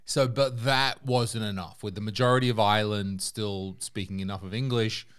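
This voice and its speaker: A man's voice: lowish voice, fairly even intonation, moderate pace, fairly bright tone, smooth. A man hosting a casual conversation, putting rambling questions and hypotheticals with some swearing. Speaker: podcast host.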